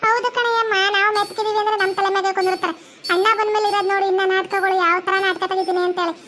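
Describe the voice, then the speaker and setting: A woman's voice: very high-pitched, fairly even intonation, racing, over music. A woman voicing a sly, bossy young sister-in-law who schemes and threatens, with a North Karnataka Kannada accent. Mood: scheming.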